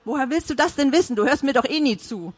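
A woman voicing a defiant, furious middle-aged wife firing back quick, heated retorts in an audiobook argument. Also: high voice, lively intonation, husky, no echo, pitched above the performer's own voice.

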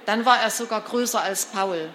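A woman narrating a children's storybook in an expressive, lively reading style. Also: mid-range voice, moderate pace, a little hiss or hum. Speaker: storybook reader.

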